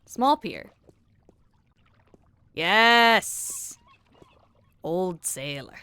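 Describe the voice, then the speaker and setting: A woman's voice: lowish voice, animated, drawn-out words, bright, forceful tone, clean tone. A woman in her thirties giving casual, playful commentary as she plays a game, with jokey asides. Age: 30s.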